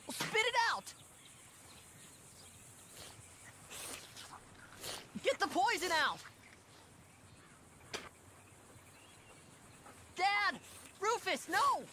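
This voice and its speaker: Brief: jumpy teen farm boy, high and lively, game audio with outdoor noise. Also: vocal fry, full character voice. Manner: eager, easily panicked. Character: teenage frontier boy, excitable and anxious. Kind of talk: video game dialogue.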